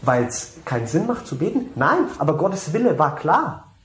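A man's voice: fairly high pitch, big pitch swings, moderate pace, fairly bright tone, reverberant. A man preaching a sermon, talking to the congregation casually, asking them questions and dropping in English phrases.

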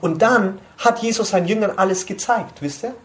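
Chatty German preacher with a higher voice. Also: male voice, a little fast. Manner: conversational, asks listeners often. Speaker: preacher at a small church group. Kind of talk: informal sermon.

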